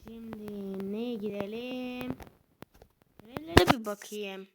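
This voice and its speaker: High-pitched excitable woman gaming. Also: slow, heavy background noise. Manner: excitable, swings between cheering and complaining. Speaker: gameplay commentator. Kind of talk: casual gameplay commentary.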